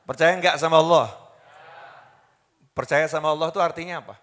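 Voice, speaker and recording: Bright-voiced man preaching in a reverberant hall. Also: steady tone, brisk. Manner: questions the audience, repeats key words, drops to a low voice for the ends of phrases; mixes in Javanese phrases and Arabic quotations. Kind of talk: Islamic sermon to a live audience.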